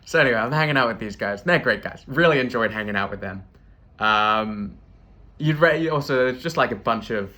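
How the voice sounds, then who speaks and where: A British man hosting a comedy show and telling rambling stories with deadpan asides. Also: lowish voice. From Britain. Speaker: comedian host. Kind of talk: stand-up storytelling.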